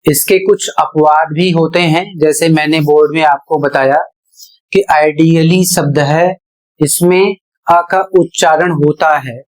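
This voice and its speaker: Slow, deliberate male teacher spelling words. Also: a little high, fairly even intonation, low-quality recording. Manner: deliberate, spells out words letter by letter, asks and answers his own questions. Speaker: English pronunciation teacher. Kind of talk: classroom-style lesson at a board.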